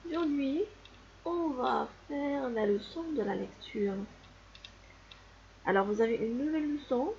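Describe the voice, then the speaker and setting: A woman's voice: high-pitched, gravelly, darkish tone, lo-fi sound, a little hiss or hum. A woman teaching a reading lesson to young children, patiently repeating each sound and word. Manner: slow, patient, repeats sounds and words for pupils. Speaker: primary school teacher.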